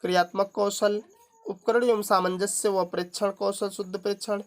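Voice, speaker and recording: Teacher reading out a syllabus list. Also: male voice, high voice, level tone, normal speed. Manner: reads through a long list item by item, adding brief remarks.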